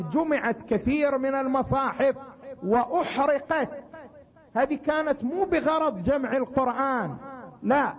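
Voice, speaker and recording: A male preacher, giving an emphatic religious sermon that sinks into low, chanted recitation when he quotes scripture. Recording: dull lo-fi recording.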